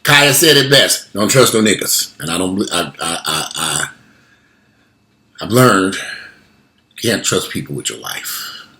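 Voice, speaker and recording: Toothless guy late 40s, lowish voice, chatting to followers, blunt, says stuff twice. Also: fairly bright tone. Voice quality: toothless speech, missing teeth. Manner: blunt, emphatic, repeats himself. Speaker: vlogger. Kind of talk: casual talk to social media followers.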